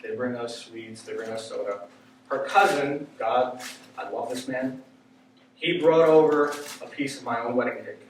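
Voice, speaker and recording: A man doing stand-up, telling a story in an animated way, swearing casually and quoting people in voices. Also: mid-range voice, normal speed, slight background noise. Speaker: stand-up comedian. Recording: echoey room, mic from a distance.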